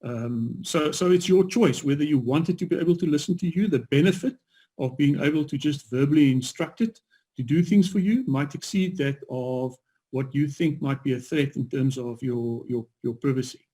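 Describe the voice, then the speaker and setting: A man's voice: fairly high pitch, moderate pace, warm tone, slightly rough. A man giving an informal explanation as a speaker in an online meeting.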